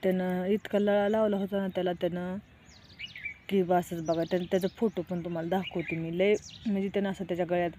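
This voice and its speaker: Brief: middle-aged woman vlogger, plainspoken and direct with viewers, low-key even delivery, soft mellow tone. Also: brisk, a little hiss or hum. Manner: plainspoken, keeps saying "look" to viewers. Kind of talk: casual vlog storytelling.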